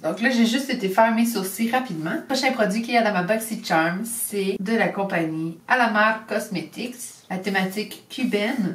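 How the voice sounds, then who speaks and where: A woman's voice: mid-range voice, recorded from a distance. A young woman with a Québécois French accent chatting casually as she unboxes beauty products and does her makeup, tossing in English beauty words. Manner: chatty, upbeat, drops English beauty terms. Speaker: beauty vlogger. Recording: echoey room, voice a bit off-mic.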